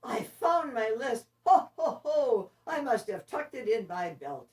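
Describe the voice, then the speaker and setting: Storybook Santa, performed by a woman: old, jolly, commanding, big swings in pitch, raised delivery, recorded at a distance. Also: sing-song, a little slow. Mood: jolly, grateful. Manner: booming ho-ho-ho, emphatic exclamations. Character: jolly old Santa Claus, hearty, commanding, sometimes cross. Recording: distant microphone.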